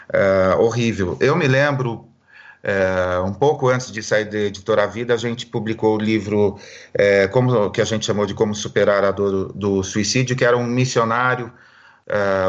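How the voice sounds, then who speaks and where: Homem reflexivo, som abafado. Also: male voice, on the low side, muffled recording. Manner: reflective, hesitant, many fillers. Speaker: podcast co-host. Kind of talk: casual conversation.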